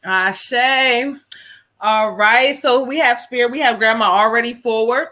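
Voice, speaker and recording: A woman's voice: on the high side, a little slow, pushed and bright. A woman medium giving a live spiritual reading, talking casually and calling the listener "child" as she relays messages. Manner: colloquial, calls the listener "child"; relays messages, switching into quoted lines. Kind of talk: live stream card reading.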